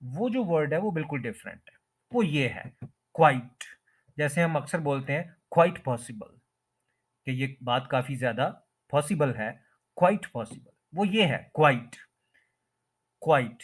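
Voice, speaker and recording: A man teaching English pronunciation as an explanatory lesson, repeating each word slowly and breaking it into syllables. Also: on the high side, lively intonation, breathy edge.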